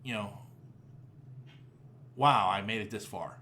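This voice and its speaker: A man's voice: fairly low pitch, slow, bright, forceful tone, a little hiss or hum. Rambling, swearing man in his forties. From Pittsburgh area. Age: 40s. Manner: rambling, profane, many fillers and restarts. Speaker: podcast host. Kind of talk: casual chat.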